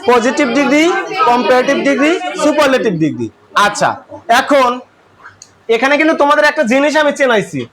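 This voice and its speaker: A man's voice: extremely high pitch, expressive, brisk, a crowd in the background. A man with a Bangladeshi accent teaching English grammar to a class, asking questions and repeating the answers.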